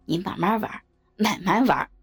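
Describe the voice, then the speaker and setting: A woman's voice: medium pitch, measured pace, slightly rough, voice pushed down. A woman voicing a sly, resentful male lackey who fawns to his master's face and curses him behind the door. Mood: fawning.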